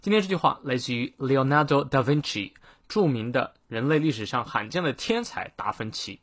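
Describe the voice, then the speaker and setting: A man hosting a short daily English lesson, explaining a quote word by word and slowing down to model its pronunciation. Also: mid-range voice, lively intonation, a bit bright, husky. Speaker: English teacher, host of a daily morning reading show.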